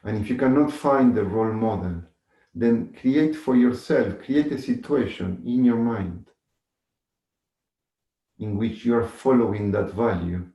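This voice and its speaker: Slow, low-voiced man guiding a meditation. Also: dull audio. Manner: measured, instructive, with long pauses and gentle repetition. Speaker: meditation teacher. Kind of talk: guided meditation. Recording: echoey room.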